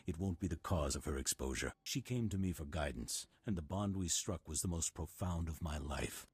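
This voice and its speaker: This stern old Jedi master from a video game has an extremely deep, heavily husky voice, delivered in an exaggerated way with no echo. He speaks formally and solemnly, calm, unyielding, and measured in weight.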